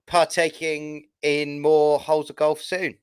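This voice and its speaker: A man's voice: a little high, little pitch movement, a little slow, clear, resonant tone, no echo. A man, co-hosting a casual podcast chat in an upbeat, cheerful way. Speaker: podcast co-host.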